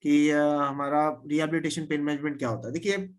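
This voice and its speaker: A man's voice: a little high, fairly even intonation, a little fast. Man briefing a group on insurance. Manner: confident, repeats 'theek hai' to check understanding. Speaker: insurance advisor leading a training session. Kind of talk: explaining policy points to a group.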